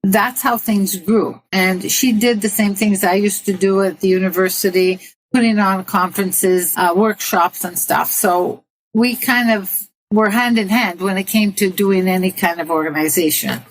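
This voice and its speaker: A woman's voice: medium pitch, steady tone, normal speed, a little hiss or hum, rough recording. An older woman from Italy, a guest in an interview, talking earnestly about her own life and giving advice, laughing at herself now and then. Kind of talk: personal interview.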